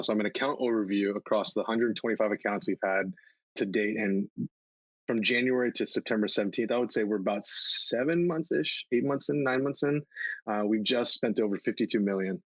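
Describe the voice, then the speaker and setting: Male interview guest, lowish voice, dry mic, earnest and rambling. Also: brisk, no echo, muffled recording. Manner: earnest, repeats words, a bit rambling. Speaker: podcast guest, media buyer. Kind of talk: casual interview talk.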